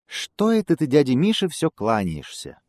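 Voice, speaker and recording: A man voicing a small female squirrel in a fairy tale, squeaky and teasing. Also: wildly swooping pitch, moderate pace, darkish tone, no room sound, clean studio sound.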